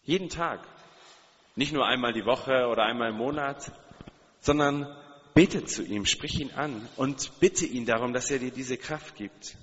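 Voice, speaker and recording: A man's voice: mid-range voice, measured pace, fairly bright tone. A man preaching a sermon, speaking earnestly and putting direct questions to his listeners, repeating key phrases for emphasis. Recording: long hall reverb, dull sound.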